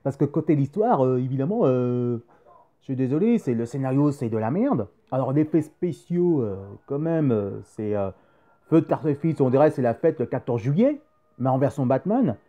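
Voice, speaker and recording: A man's voice: mid-range voice, lively intonation, moderate pace, mellow. A man hosting a casual video chat about comics and films, rambling with many fillers and repeating himself. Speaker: YouTube host. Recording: dull lo-fi sound with faint music.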